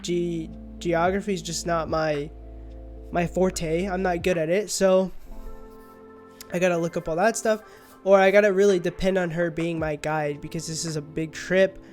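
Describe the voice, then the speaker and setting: Young male streamer, sleepy and rambling, higher-pitched, soft music in background. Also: steady tone, moderate pace. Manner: rambling, drowsy, trailing off. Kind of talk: casual livestream chat. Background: faint music.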